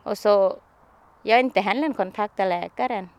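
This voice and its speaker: Halting woman telling her story. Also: mid-range voice, darkish tone. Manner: halting, simple phrasing with frequent restarts. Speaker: interviewee. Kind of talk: personal storytelling in an interview.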